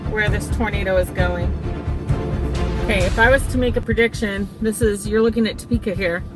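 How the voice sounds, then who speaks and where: A woman's voice: medium pitch, fairly even intonation, a little fast, music in the background. A woman giving live storm-chase commentary from inside a car, thinking aloud and repeating words for emphasis. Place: inside a moving or parked car.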